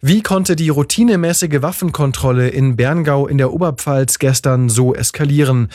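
A man reading the radio news in a measured, formal way. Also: mid-range voice, a little mellow, dry recording, studio quality. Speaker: newsreader.

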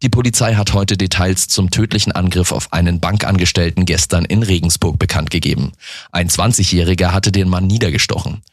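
A man reading regional news on a radio station in a steady, measured way. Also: sits low, no room sound, studio quality. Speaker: radio newsreader. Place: radio studio.

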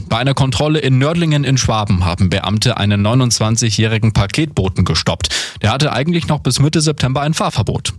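A man reading a regional radio news bulletin in a brisk, upbeat way. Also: medium pitch, slightly rough, no room sound, clean studio sound. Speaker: radio newsreader. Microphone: studio microphone.

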